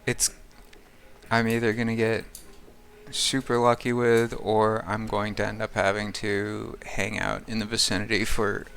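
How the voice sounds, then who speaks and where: A man's voice: lowish voice, monotone, a little slow, vocal fry, fairly bright tone, a little hiss or hum. A man streaming a game live, rambling casually and thinking aloud with lots of fillers. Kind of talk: casual live-stream commentary while playing.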